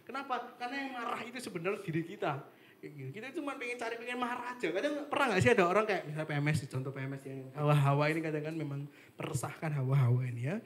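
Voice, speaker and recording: A young man giving a casual devotional talk, chatty and animated, with lots of fillers. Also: high-pitched, racing, a crowd in the background. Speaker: devotional speaker. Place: apartment meeting room with live and online audience.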